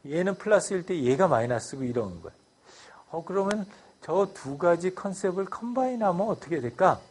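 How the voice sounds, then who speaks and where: A man's voice: fairly high pitch, darkish tone, slightly rough. A man giving a university lecture, explaining a design process step by step, with frequent fillers and English loanwords.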